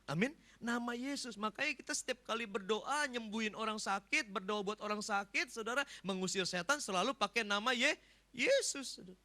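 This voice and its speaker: A male pastor preaches a sermon in an animated way, breaking into sudden loud bursts and often addressing the congregation. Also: high-pitched, brisk.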